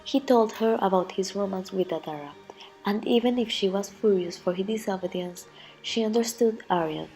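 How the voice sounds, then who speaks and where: A woman's voice: medium pitch, vocal fry, mellow, rough recording. A woman reads a scripted ancient myth as narration, in a grave storytelling manner.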